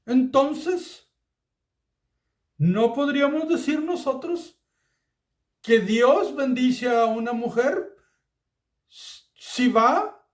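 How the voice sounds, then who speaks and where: A man with a high voice teaches scripture at an unhurried pace. He talks earnestly and warmly addresses his listeners as beloved. His voice rings in a roomy, echoey space. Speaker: Bible teacher. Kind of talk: Bible study sermon.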